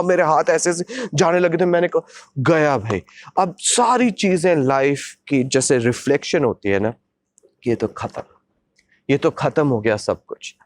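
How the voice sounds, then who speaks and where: A man vlogging a personal story in an animated, dramatic way, acting out sounds and mixing English phrases into his Hindi. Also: on the high side.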